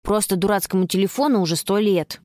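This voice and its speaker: A woman's voice: mid-range voice, fast talker, a little mellow, dry recording, studio quality, natural voice. A woman voicing a prickly, sulky young girl who snaps and grumbles, in a storybook reading. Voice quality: snappish, sarcastic.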